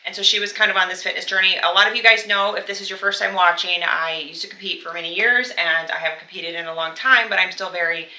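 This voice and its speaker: A woman hosting a casual podcast chat, talking in a chatty, gushing way with quick asides. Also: medium pitch, fairly even intonation, pushed and bright. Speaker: podcast host. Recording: echoey room.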